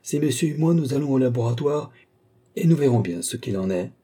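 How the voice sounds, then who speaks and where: A man doing a brisk young assistant. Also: medium pitch, expressive, dark tone, breathy edge, voice pushed up. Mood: commanding. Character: brisk young male assistant taking charge.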